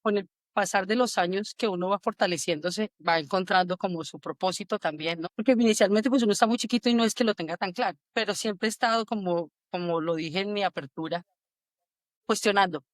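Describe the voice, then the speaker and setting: A middle-aged Colombian woman from Quindío with a Colombian accent, an army sergeant major telling lively anecdotes as a guest in a casual interview. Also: mid-range voice, a little fast, dry recording, clean studio sound. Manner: animated, acts out quotes, sings la la.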